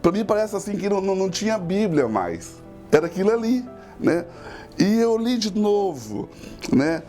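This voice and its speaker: A man's voice: high voice, sing-song, moderate pace, warm tone, soft background music. A middle-aged man, a pastor, giving an emotional, tearful personal testimony.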